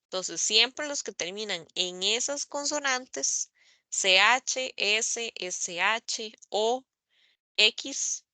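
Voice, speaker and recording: A woman teaching English grammar in an online class, speaking slowly and carefully, spelling out letters and repeating examples. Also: a little high, sharp tone, dry recording. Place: online meeting recording.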